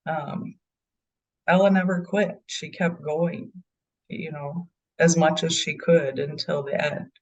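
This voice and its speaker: A woman's voice: low voice, steady tone, takes it slowly, distant mic, rough recording. A middle-aged mother answering interview questions in an earnest way, with frequent ums. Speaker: bereaved mother and guest.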